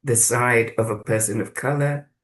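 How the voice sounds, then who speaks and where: A man from South Africa sharing his experience in a group video call, speaking slowly and haltingly as he searches for words. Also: medium pitch, steady tone, fairly bright tone, rough recording. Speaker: course participant.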